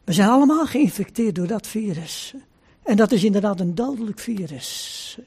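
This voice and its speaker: A man preaching a sermon after a scripture reading. He talks slowly and deliberately, repeats phrases for emphasis and drops in short "hè" asides. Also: sits high, expressive, a little mellow, breathy edge.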